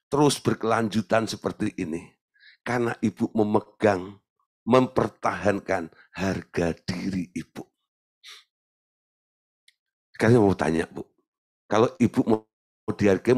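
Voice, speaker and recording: A man preaching a sermon as a pastor, humorous and animated, often checking with the congregation through quick questions. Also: lowish voice. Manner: animated, humorous, acts out voices; addresses the congregation with tag questions.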